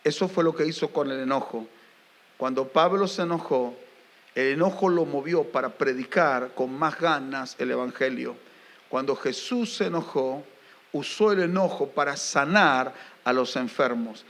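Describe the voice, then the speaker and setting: A pastor preaching a sermon to his congregation, animated and emphatic, asking rising questions and mixing in jokes. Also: medium pitch, unhurried. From Argentina.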